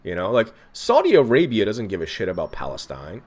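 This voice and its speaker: A man from Iran with a lowish voice speaks briskly as host of casual online video chats. His debate-style talk is blunt, animated, and laced with swearing.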